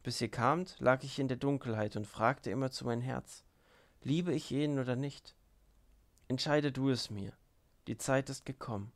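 A man reading the lines of a passionate, volatile young woman in a German audiobook, his gravelly voice barely changed. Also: medium pitch, moderate pace, lightly acted.

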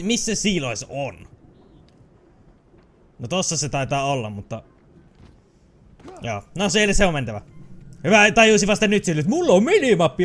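A young man giving jokey, excitable let's-play commentary, who often shouts at the game. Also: sits high. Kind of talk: casual gameplay commentary.

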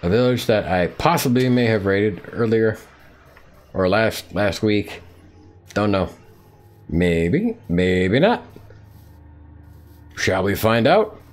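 A man's voice: fairly low pitch, sing-song, slow pace, long pauses. A man streaming a survival game live, chatting playfully to himself and to the animals on screen. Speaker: gaming streamer. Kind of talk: live gameplay commentary.

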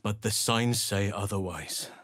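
A male actor with a lowish voice plays a solemn, gentle-hearted druid healer and warrior in a video game. He speaks formally with measured earnestness, in a solemn, thoughtful mood. The recording is dry, with clean studio sound.

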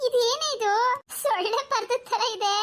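A woman's voice: very high-pitched, normal speed. A woman voicing a spoiled, sassy teenage girl in a cartoon, with a mocking, whiny way of talking. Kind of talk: cartoon voice acting.

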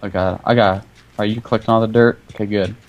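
A man with a fairly low voice chats casually while he plays a game with a friend. He stays laid-back, jokes around and laughs easily. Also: steady tone, fast, lo-fi sound. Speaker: co-player. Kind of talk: casual gameplay chat.

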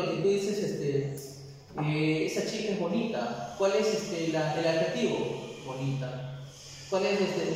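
Slow, high-voiced male teacher in echoey hall. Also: darkish tone, distant mic, a little hiss or hum. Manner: patient, checks understanding with frequent tag questions. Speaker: English teacher. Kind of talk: classroom lesson. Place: echoey classroom.

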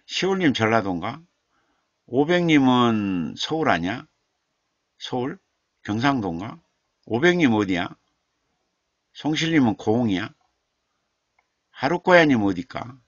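A man, a literature professor, hosting a live stream and chatting slowly as he reads viewer comments aloud, chuckling and repeating names. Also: mid-range voice, sing-song, dry recording. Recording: dull, dry lo-fi stream audio.

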